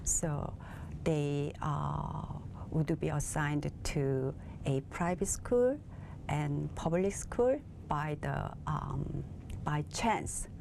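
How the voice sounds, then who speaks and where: Slow, gravelly Korean-accented woman. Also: low-pitched, darkish tone, a little hiss or hum. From South Korea. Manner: measured, searching for words in her second language. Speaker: guest, bilingual facilitator. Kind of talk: TV interview.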